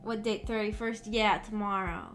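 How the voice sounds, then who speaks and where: Over background music, a VTuber chats loosely with viewers in a livestream, hesitant and rambling as she thinks aloud. She speaks at a medium pitch and normal speed, her tone fairly even and a bit bright.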